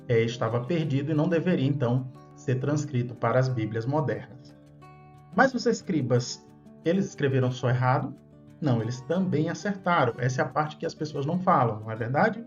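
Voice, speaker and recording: A man giving an explanatory lesson on Bible languages, patient and often checking in with listeners. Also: medium pitch. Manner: patient, checks in with tag questions. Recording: dull lo-fi sound. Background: faint background music.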